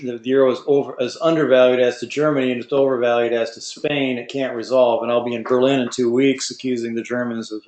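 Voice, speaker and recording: A man's voice: mid-range voice, reverberant. A man moderating an online webinar Q&A, reading out audience questions with folksy asides.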